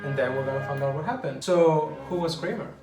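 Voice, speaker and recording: A man's voice: on the high side, fairly quick. A man hosting a casual chat show, joking and opinionated. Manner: joking, opinionated, restarts sentences. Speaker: podcast host. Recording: roomy room with faint music.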